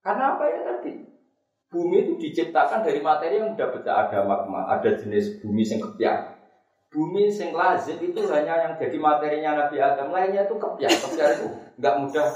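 A man's voice: a little high, fairly quick, dull audio. An older man preaching a sermon in a storytelling way, reciting scripture verses and mixing in chatty asides, recorded in a reverberant room some distance from the mic. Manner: animated storytelling, mixing Javanese and Indonesian, reciting Quranic verses. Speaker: Islamic preacher. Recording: roomy echo, distant mic.

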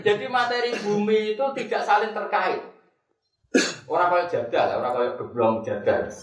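An older man delivers an animated sermon, telling stories with chatty asides and reciting scripture verses in a slow chant. His voice rings through a very echoey room. He stands well back from the microphone. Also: high-pitched. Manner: animated storytelling, mixing Javanese and Indonesian, reciting Quranic verses. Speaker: Islamic preacher. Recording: roomy echo, distant mic.

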